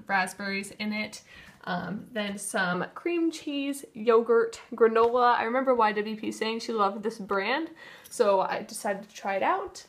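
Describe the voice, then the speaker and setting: A woman's voice: a little high, a bit bright. Chatty upbeat young woman vlogging. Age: 20s. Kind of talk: casual vlog chat.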